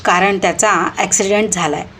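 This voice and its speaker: A woman's voice: mid-range voice, steady tone, normal speed, fairly bright tone, a little hiss or hum, lightly acted. A woman reading aloud, voicing a grieving young man who speaks hesitantly and apologetically. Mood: somber.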